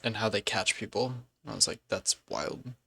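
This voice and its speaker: A man's voice: lowish voice, normal speed, vocal fry, bright, forceful tone, husky, no room sound. A man streaming a game and chatting casually, rambling and correcting himself as he goes. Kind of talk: casual live-stream chat.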